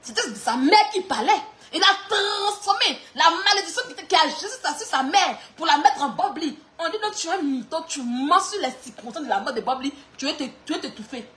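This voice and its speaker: A woman delivers a mocking insult clash, laughing through her lines. Her voice sits very high and swings widely in pitch. The tone is bright and sharp. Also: lively intonation, fairly quick, hardly any pauses. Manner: mocking, often laughing while talking. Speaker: online clash streamer.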